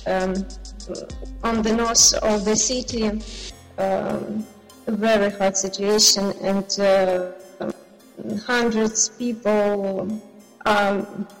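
A woman with a Ukrainian accent answers interview questions in English as a second language. She speaks very slowly and hesitantly, hunting for words. The sound is reverberant, with faint music behind her. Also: mid-range voice, level tone. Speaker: band member interviewed as guest.

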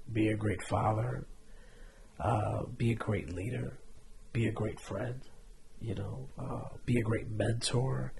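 Brief: man sharing testimony, earnest and reflective, gravelly voice, faint noise behind. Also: fairly low pitch, a little mellow. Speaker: podcast co-host sharing testimony. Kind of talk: candid faith testimony.

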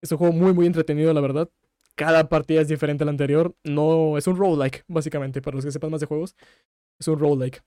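A man's voice: a little high, flat delivery, fast, mellow, no echo, studio quality. A young Mexican man hosting a casual solo podcast, retelling a story with emotion and some swearing. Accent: Mexican Spanish. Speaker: podcast host.

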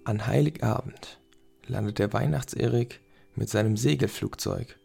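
A friendly, proud young man who likes knowing secrets, voiced by a man reading a story. His speech stays gravelly and low, with a confiding tone. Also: normal speed, dark tone, full character voice.

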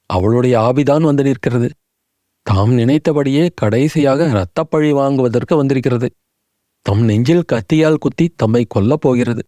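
A man narrating an audiobook in a measured, dramatic storytelling manner. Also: medium pitch, dark tone, dry recording, studio quality.

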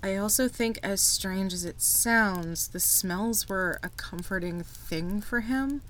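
A woman's voice: medium pitch, takes it slowly, fairly bright tone, low-quality recording. A woman hosting a true crime podcast, narrating a script in a storytelling manner with casual asides.

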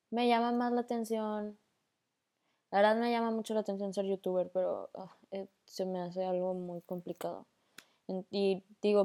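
Chatty northern Mexican woman, mellow voice. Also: mid-range voice. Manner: chatty, rambling, mixes in English slang. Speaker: podcast host. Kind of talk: casual voice-memo podcast.

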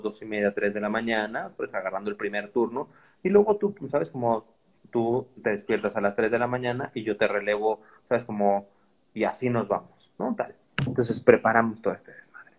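Over poor audio, a man's fairly low voice carries a Mexican accent as he chats as a podcast guest. His conversational storytelling is slangy and full of profanity, with "¿sabes?" tossed in constantly.

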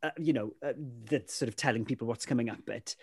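In a dry, clean studio recording with no room sound, a man with a mid-range, slightly breathy voice talks quickly. He's a Welsh-accented weather presenter whose first language is Welsh, rambling through his career story as an interview guest with plenty of "you know"s.

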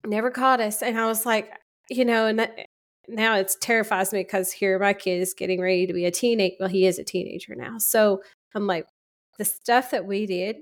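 A woman from Eastern Kentucky with an Appalachian accent, reminiscing casually in a halting, hesitant way. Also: medium pitch, steady tone. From Eastern Kentucky, United States.

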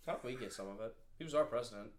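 A young man co-hosting a podcast, teasing and blurting quick questions in casual chat. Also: mid-range voice, expressive. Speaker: podcast co-host.

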